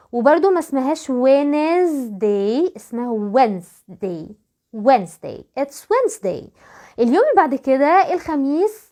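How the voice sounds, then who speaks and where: Egyptian lady doing a pronunciation lesson, high voice, bouncy tone, says the example words slow. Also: darkish tone. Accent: Egyptian Arabic. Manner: switches between quick explanations and slow, drawn-out model words. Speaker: English pronunciation teacher.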